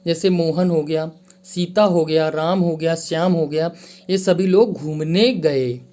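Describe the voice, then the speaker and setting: A man gives a grammar lesson to his viewers in a somewhat high voice. He repeats key phrases and often addresses his listeners as friends. He slows down when he reads out example sentences. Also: dark tone. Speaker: teacher.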